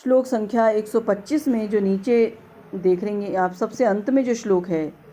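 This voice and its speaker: A middle-aged woman giving a slow, explanatory lecture on a classical text, carefully drawing out vowels to demonstrate how they are pronounced. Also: medium pitch, warm tone, slight background noise. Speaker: Sanskrit lecturer.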